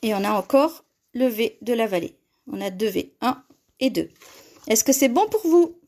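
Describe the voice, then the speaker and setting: A woman's voice: a little high, animated, normal speed, darkish tone. A woman hosting a live paper-craft tutorial, chatting with viewers and laughing often as she reads their comments.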